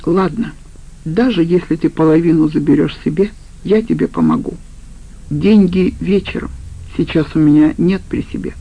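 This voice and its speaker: A woman's voice: low-pitched, animated, normal speed, breathy edge, highs cut off, exaggerated voice. A woman reading as a brutal male ex-convict. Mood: demanding. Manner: harsh, threatening, blunt.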